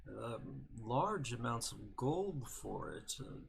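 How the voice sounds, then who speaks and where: Brief: man as earnest adventurer, gravelly, slow, polite questions. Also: mid-range voice, very animated, full character voice. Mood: puzzled.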